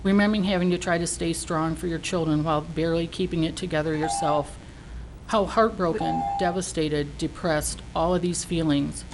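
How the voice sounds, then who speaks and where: Lower-voiced woman making an emphatic complaint. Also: fairly even intonation, normal speed. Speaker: citizen giving public comment. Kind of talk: prepared speech of complaint. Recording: faint noise, meeting room.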